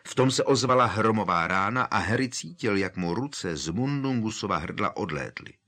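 A man narrating an audiobook with expressive, dramatic storytelling. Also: on the low side.

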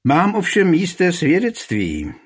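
A man's voice: mid-range voice, expressive, slightly rough. A man voicing a smug, easily offended town reeve in a historical storybook reading. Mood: smug, indignant.

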